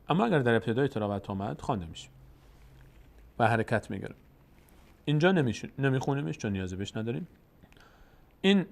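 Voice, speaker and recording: A patient man teaching Quran reading. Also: mid-range voice. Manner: patient and explanatory, stretching out sounds slowly to demonstrate. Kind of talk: step-by-step recitation lesson.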